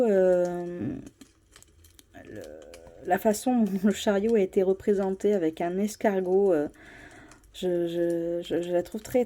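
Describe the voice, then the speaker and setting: A woman's voice: medium pitch, warm tone. A woman chatting casually about her tarot cards, hesitant, with many fillers and restarts. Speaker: tarot vlogger. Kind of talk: casual show-and-tell.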